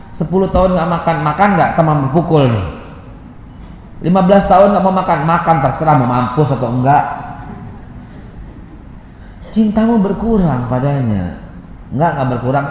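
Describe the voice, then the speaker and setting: A middle-aged man with a Jakarta accent preaching a sermon as a lively storyteller who acts out voices and swings from loud to hushed. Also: on the high side, slight background noise. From Indonesia. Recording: echoey hall with long reverb.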